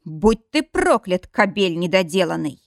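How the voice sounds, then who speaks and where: A woman's voice: fairly low pitch, sing-song, a little slow, no room sound, studio quality. A woman voicing a furious, jealous, heavyset older wife who screams threats and drops into a growling whisper. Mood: enraged.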